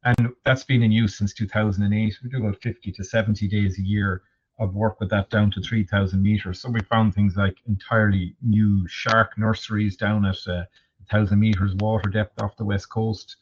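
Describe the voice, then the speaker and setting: A man from Kerry with a west of Ireland accent, explaining things informally and haltingly as an interview guest. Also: fairly low pitch, flat delivery, slight background noise. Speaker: interview guest, marine research manager. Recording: dull, narrow lo-fi audio.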